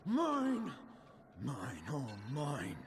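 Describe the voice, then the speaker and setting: A man voicing a possessive ghost in a video game, with an unearthly wailing voice and obsessive, drawn-out words. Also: fairly high pitch, huge pitch swings, heavily acted. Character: possessive ghost haunting a forge, wailing its claim. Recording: clear background ambience noise.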